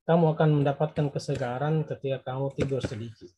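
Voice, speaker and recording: A man's voice: mid-range voice, steady tone, quick pace, noisy background. A man giving a recorded Arabic grammar lesson, explaining patiently and translating each word. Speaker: Arabic teacher.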